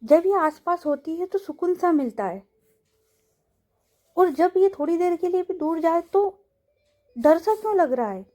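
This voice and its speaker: A woman's voice: extremely high pitch, expressive, a little slow, long pauses, dark tone, soft background music, voice pushed up. Mahira, a woman voicing a flustered young boss. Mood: troubled. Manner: muttering to herself in inner monologue. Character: young woman office boss, anxious and self-questioning.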